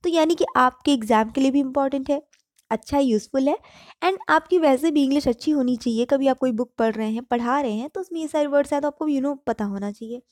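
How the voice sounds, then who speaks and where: A woman teaching vocabulary, explaining in Hindi with words mixed in and repeating each word slowly for pronunciation. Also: sits high, darkish tone, no room sound, clean studio sound. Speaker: English teacher. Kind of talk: vocabulary lesson.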